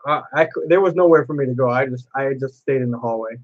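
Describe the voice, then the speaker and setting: A man's voice: mid-range voice, fast talker, muffled recording. A man chatting to camera as a cosplay vlogger, telling a long personal story in a rambling way with many restarts.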